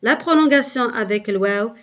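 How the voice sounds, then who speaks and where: An Arabic teacher with a slightly high voice leads beginners through a slow, step-by-step lesson at a moderate pace. She patiently repeats syllables, with some hesitant fillers along the way. The audio sounds dull.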